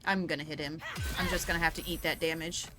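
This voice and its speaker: A woman's voice: deep voice, fairly even intonation, quick pace. A woman casually commenting while she plays a game, explaining the mechanics and breaking into playful outbursts. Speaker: gaming streamer. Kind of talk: casual let's-play commentary.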